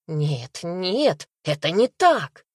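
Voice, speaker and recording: A woman's voice: fairly low pitch, big pitch swings, drawn-out words, breathy edge, no echo, studio quality, full character voice. A woman reading an audiobook, voicing a frightened young man under suspicion who speaks in a broken, pleading way. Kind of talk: audiobook character voice.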